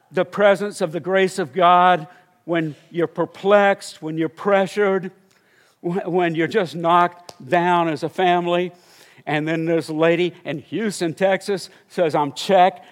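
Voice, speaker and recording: A man's voice: high-pitched, fairly even intonation, takes it slowly. An older man, a missionary preacher, telling a story in a sermon and building to fervent exclamations.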